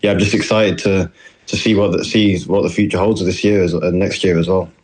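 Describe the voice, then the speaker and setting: Brisk and low, with a steady, darkish tone, this young man's voice belongs to a footballer guest from New Zealand who has a northern English accent. He handles the interview questions politely, hesitating often and leaning on fillers.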